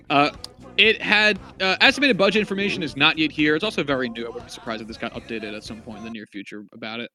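Man, somewhat high voice, casual movie review chat, filler-heavy and wry. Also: pushed and bright. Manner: rambling, frequent fillers, wry asides. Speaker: podcast co-host.

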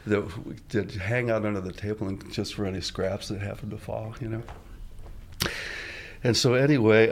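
A man's voice: fairly low pitch, slight background noise. A man guesting in a radio studio, telling a rambling story casually, full of fillers, restarts and small laughs. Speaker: guest musician.

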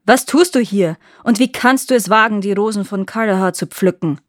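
A woman's voice: fairly high pitch, a little slow, no echo, close to an everyday voice. Woman voicing Tam Lin, stern fairy knight. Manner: commanding, louder and raised delivery. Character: young pale male fairy knight, stern yet lonely. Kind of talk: storybook character voice. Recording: dry close recording.

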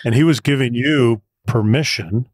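A man's voice: medium pitch, normal speed, husky, dry recording, clean studio sound. A man hosting an interview, asking encouraging questions and paraphrasing his guest's points. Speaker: podcast host.

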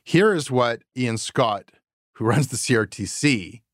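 A man's voice: medium pitch, lively intonation, measured pace, no room sound, studio quality. A man hosting a podcast, talking casually and rambling with lots of fillers. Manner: rambling, chatty, many fillers. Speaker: podcast host. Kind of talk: casual chat.

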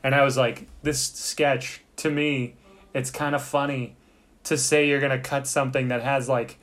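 A man's voice: mid-range voice, little pitch movement, normal speed, fairly bright tone. A man in casual chat who rambles and swears freely while recalling a show.

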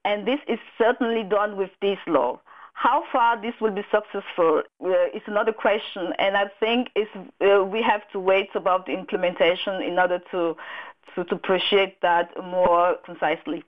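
A woman's voice: mid-range voice, steady tone, normal speed. A woman from Cameroon, a radio guest answering earnestly with many restarts. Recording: tinny phone line.

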